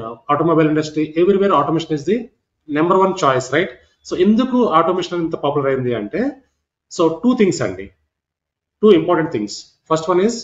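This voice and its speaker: A middle-aged man, a native Telugu speaker with a Telugu Indian accent, giving a live class as a technical instructor and often checking in with "right?" and "okay". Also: fairly high pitch. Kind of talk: live demo class lecture. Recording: echoey room, dull lo-fi audio.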